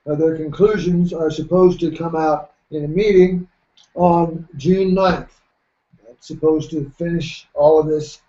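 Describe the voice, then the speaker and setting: A middle-aged man hosting a radio sports talk show, speaking in a measured, folksy way and often clearing his throat. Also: fairly high pitch, warm tone. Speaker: host. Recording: roomy, dull lo-fi sound.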